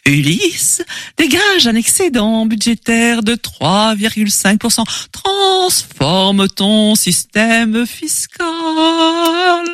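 A performer voicing a chorus of sea sirens, calling in a drawn-out sing-song in an amateur radio play. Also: mid-range voice, sing-song, a bit bright, no room sound, voice pushed up, exaggerated voice. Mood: luring, insistent. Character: chorus of luring sea sirens, eerie and insistent.

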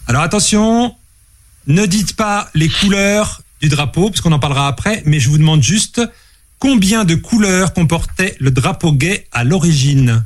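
Lively, playful man hosting a quiz. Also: a little high, moderate pace. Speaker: quiz host. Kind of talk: hosting a casual online quiz.

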